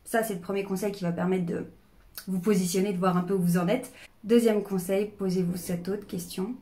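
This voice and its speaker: A woman in her thirties talks straight to her viewers in a loose, expressive way, with hesitations and restarts. Her pitch sits in the middle of the range. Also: fairly quick. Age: 30s. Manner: candid, expressive, with fillers and restarts. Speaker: personal development YouTuber. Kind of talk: casual talk to camera.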